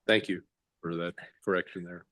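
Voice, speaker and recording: A man's voice: sits low, steady tone, moderate pace, sharp tone. A man chairing a public meeting with short, informal procedural remarks.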